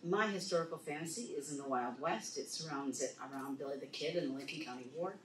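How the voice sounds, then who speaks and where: Tired, very low-voiced woman in a room. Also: fast talker. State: tired after a late night, throat a little rough. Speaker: author on a convention panel. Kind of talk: casual panel introduction. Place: indoor convention panel room. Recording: roomy, distant mic, faint noise.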